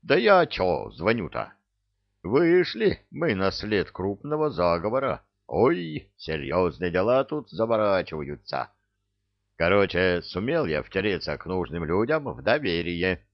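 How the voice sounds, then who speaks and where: A man's voice: low-pitched, very animated, a little slow, no room sound, lo-fi sound, full character voice. A man voicing a cheeky, glib young adventurer who wheedles, in an audiobook. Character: cheeky young male adventurer, smooth-talking chancer.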